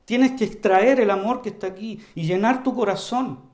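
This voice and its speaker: High-voiced man preaching a sermon. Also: normal speed. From Chile. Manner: earnest, emphatic, often addresses the congregation as "hermanos"; varies volume widely, rising to loud emphasis and dropping low.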